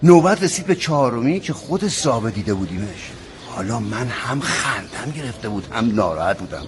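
Lively older male storyteller. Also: mid-range voice, noisy background. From Tehran. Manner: lively, acts out dialogue in varied voices. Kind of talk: traditional comic storytelling before a live audience.

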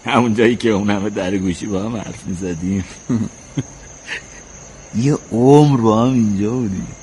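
Brief: male actor as a lower-voiced grown son, warm teasing. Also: slight background noise, close to an everyday voice. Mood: fond. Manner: chuckling, teasing. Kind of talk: radio drama acting.

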